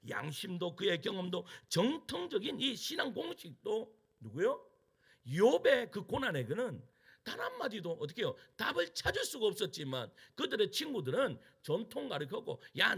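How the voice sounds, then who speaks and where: A man's voice: high voice, creaky, a bit bright, husky. A male pastor preaching a sermon, questioning the congregation with emphatic delivery.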